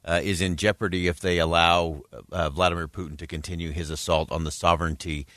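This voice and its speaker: Low-pitched man giving news commentary. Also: flat delivery, fairly quick, a bit bright, dry recording, clean studio sound. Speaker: radio host and political commentator. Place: radio studio.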